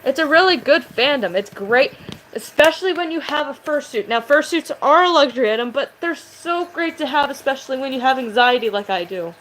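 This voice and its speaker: Woman vlogger, casual rambling chat, swears a lot, aggressive edge, slightly high voice. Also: lively intonation, brisk, fairly bright tone, a little hiss or hum, rough recording. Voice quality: sounds aggressive.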